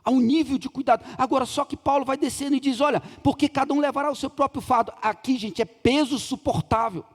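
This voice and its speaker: A man's voice: extremely high pitch, fairly even intonation, fast talker. A middle-aged Brazilian man preaching in a large church, joking and acting out dialogue as he tells stories. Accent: Brazilian Portuguese. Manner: humorous, chatty, acts out dialogue. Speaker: pastor. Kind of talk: sermon with storytelling. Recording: reverberant church hall.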